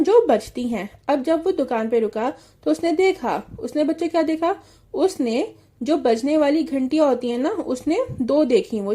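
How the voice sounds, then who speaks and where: A woman teaching an English story to children, reading lines slowly and then explaining them with questions. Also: high-pitched, mellow.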